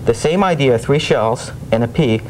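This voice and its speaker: A young man demonstrating street swindles as a magician, explaining and challenging the onlooker in a shell game hustler's patter. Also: moderate pace. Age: young adult. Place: small TV studio set, indoors, at a table. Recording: noisy old videotape with low rumble.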